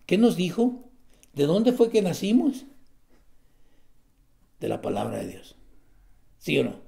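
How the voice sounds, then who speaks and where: A man preaching with a high-pitched, heavily gravelly voice. He swings between loud, climbing exclamations and low, hushed stretches. The tone is a pulpit sermon.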